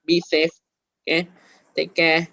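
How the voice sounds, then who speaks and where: A male teacher giving an online grammar lesson, gentle and encouraging, repeating example sentences with changing intonation. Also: fairly high pitch, completely flat delivery, slow, creaky, no room sound.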